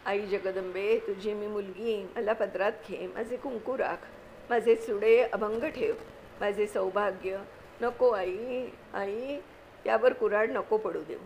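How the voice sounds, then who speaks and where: A woman reading aloud, voicing a devout wife who softly pleads in prayer. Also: medium pitch, steady tone, slow, a little hiss or hum, rough recording. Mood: pleading prayer. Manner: softly imploring.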